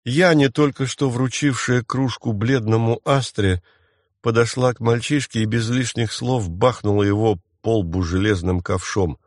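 A man narrating an audiobook in a steady storytelling manner. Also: mid-range voice, measured pace, no room sound, clean studio sound.

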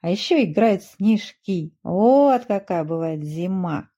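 A woman voicing a cheerful little boy who shouts out his answer. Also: fairly low pitch, unhurried. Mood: excited. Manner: excited, shouting. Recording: muffled dull recording.

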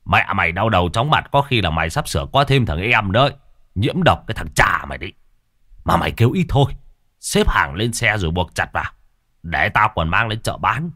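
A man voicing a crude, gruff middle-aged father who talks bluntly and fast. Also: on the low side, sing-song, bright, forceful tone, no room sound, studio quality, heavily acted. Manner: crude, blunt, quick-talking.

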